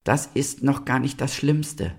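A man's voice: medium pitch, lively intonation, measured pace, breathy edge, pitched above the performer's own voice. A man voicing a sorrowful fallen star. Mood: lamenting. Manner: plaintive, wailing. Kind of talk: storybook reading.

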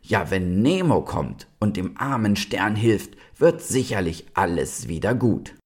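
A man reading a storybook aloud and voicing a wise old owl with a croaking voice. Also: on the low side, big pitch swings, a little slow, darkish tone, pitched above the performer's own voice. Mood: solemn.

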